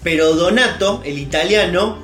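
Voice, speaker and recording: Hombre rioplatense de voz aguda, burlón. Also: male voice, sits high, normal speed, a bit bright. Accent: Rioplatense Spanish. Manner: playful, teasing, tossing in trivia. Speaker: co-host. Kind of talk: casual comedic chat. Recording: roomy, faint music behind.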